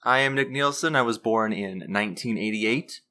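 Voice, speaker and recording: A man's voice: lowish voice, moderate pace, bright, forceful tone. A man in his twenties, a podcast guest, telling easygoing rambling stories in casual chat. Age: 20s.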